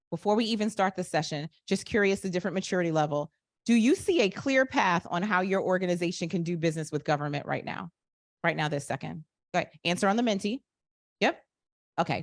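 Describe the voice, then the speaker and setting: A woman's voice: mid-range voice, no echo, studio quality. A woman presenting a live business workshop, upbeat and engaging, asking her audience questions. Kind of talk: interactive live workshop talk. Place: conference room with live and online audience.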